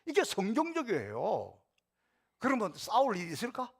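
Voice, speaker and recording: A middle-aged man preaches in a church with a husky voice. His pitch sits high for a man and swings widely as he talks straight to the congregation. He acts out imagined retorts in a conversational way. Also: huge pitch swings, moderate pace. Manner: addresses congregation directly. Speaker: pastor. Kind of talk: sermon. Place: church sanctuary.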